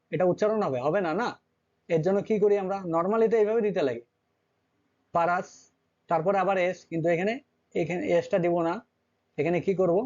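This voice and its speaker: High-voiced man teaching grammar. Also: darkish tone, highs cut off. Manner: asks students frequent check questions. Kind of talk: classroom grammar lesson.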